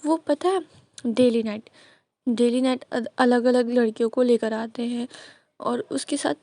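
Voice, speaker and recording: Tearful, pleading young man in a storybook reading, put on by a woman; high, gravelly tone, repeats words. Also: dark tone, no room sound.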